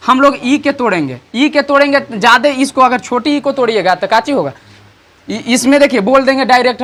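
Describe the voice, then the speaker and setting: An online teacher, explaining grammar slowly and repeatedly checking understanding with rhetorical questions. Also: high-pitched, a bit bright. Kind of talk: grammar lesson.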